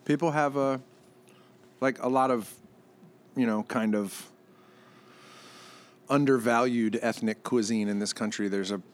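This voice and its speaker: A man's voice: mid-range voice, steady tone, a little slow, pauses often. A man, a restaurant co-owner and chef, chatting casually on a podcast and telling wry stories with acted-out quotes. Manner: wry storyteller, acts out quotes.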